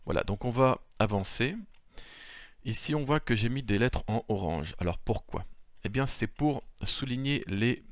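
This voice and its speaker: A man's voice: mid-range voice, normal speed, dry recording. A man giving an improvised spoken lesson, hesitant, with many fillers, correcting himself as he goes. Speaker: language teacher. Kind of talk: improvised screen-share lesson.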